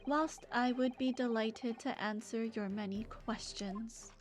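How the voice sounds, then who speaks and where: A woman voicing a calm, polite clockwork gentleman villain in a put-on robot voice, speaking in a slow, formal, measured way while reading a video game aloud. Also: a little high, soft background music.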